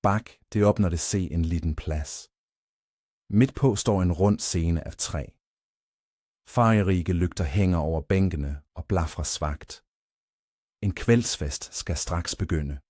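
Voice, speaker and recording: A man reading a calm bedtime story slowly, with soft, even and clearly pronounced speech. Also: low-pitched, no echo, clean studio sound. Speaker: narrator.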